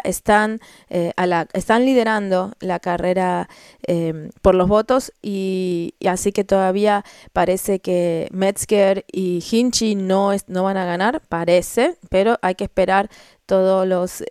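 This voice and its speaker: A woman's voice: mid-range voice, a little mellow, smooth, dry recording, clean studio sound. A woman hosting a community radio talk show, speaking with many fillers and restarts. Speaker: radio host.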